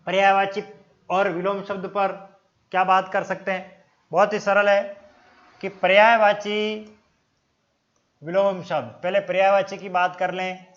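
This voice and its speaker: A man with a Rajasthani Hindi accent teaching an exam-prep Hindi grammar lesson, explaining slowly and repeating words to stress how they are pronounced, calling his viewers friends. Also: sits high, little pitch movement, fairly bright tone. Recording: dull lo-fi sound.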